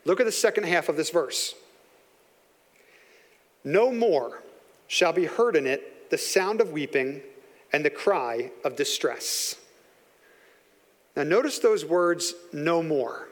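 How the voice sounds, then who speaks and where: A man with a high, light voice preaches a sermon, earnest and conversational. He slows right down to lean on his key lines. The sound carries a long reverb, as in a large hall. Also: expressive. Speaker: pastor.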